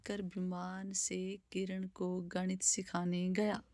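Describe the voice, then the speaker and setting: Slow, even-toned woman teaching letters. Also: on the low side, no room sound. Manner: slow, deliberate word-by-word reading. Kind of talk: slow spoken Hindi alphabet lesson.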